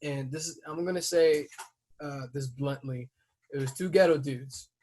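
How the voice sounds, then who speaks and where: A man hosting a podcast who tells a story in casual chat. He swears freely and breaks into loud, heated outbursts as he retells it. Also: on the high side, unhurried, a little hiss or hum. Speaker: podcast host.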